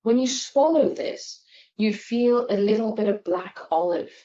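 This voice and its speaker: A woman's voice: mid-range voice, measured pace, mellow. A woman hosting a casual wine-tasting chat as a sommelier, explaining in a chatty teacher's way. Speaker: sommelier host. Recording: dull lo-fi recording.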